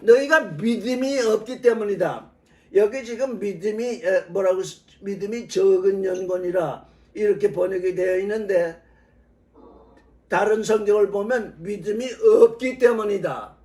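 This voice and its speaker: 높은 음성의 남자 성경 교사가 설교한다. 오래된 녹음을 복원한 소리라 먼 거리에서 울리듯 들린다. 구절을 낭독하고 질문을 되풀이하며 해설한다. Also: male voice, high voice, moderate pace, dark tone. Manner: reads verses aloud and explains them with rhetorical questions. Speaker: Bible teacher. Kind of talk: sermon. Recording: old restored recording, roomy and from a distance.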